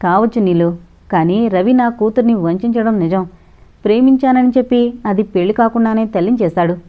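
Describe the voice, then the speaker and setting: A woman's voice: fairly high pitch, normal speed, lightly acted. Brief: grieving middle-aged principal begging for his daughter, read by a woman, storybook audio, dull recording. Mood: accusing. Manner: anguished, earnest pleading.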